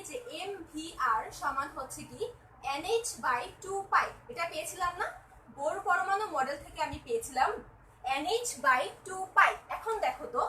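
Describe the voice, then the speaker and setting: A woman's voice: very high voice, pushed and bright, roomy sound, recorded from a distance, slight background noise, poor audio. A young woman teaching a chemistry class live online, repeating each step and often asking whether the students follow.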